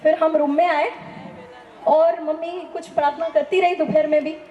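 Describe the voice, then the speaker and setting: A woman's voice: high voice, level tone, normal speed, dark tone, echoey room, lo-fi sound, a little hiss or hum. A woman telling a personal faith testimony in an earnest, emphatic way, often asking rhetorical questions. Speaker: testimony speaker.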